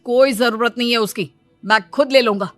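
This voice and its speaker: A woman's voice: fairly high pitch, normal speed, a bit bright, faint music behind, lightly acted. A woman playing an irritable, sarcastic young husband in a cartoon moral story. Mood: sarcastic anger.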